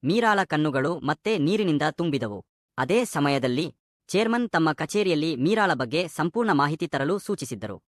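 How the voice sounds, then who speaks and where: A man narrating a scripted moral story in a lively, expressive reading. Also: on the high side, moderate pace, dry recording, studio quality.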